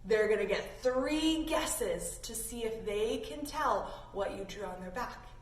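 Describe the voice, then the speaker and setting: A Canadian children's yoga teacher hosts a kids' lesson, giving casual, encouraging instructions in an animated, child-directed way and calling her listeners friends. Her voice is on the high side and a little slow. The mic is distant, with roomy echo and faint noise.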